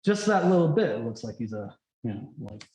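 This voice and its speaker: A man's voice: medium pitch, big pitch swings, a little fast, darkish tone. A man speaking through a face mask, casually thinking aloud as he teaches drawing in a rambling, chatty way. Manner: rambling, chatty, frequent "like" filler. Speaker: drawing instructor. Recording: echoey, roomy sound.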